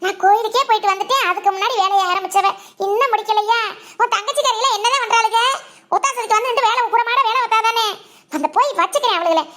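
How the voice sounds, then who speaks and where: A woman voicing a bossy, scolding village mother in a cartoon, with a Tirunelveli Tamil accent. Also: fast. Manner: scolding, nagging, high and bright.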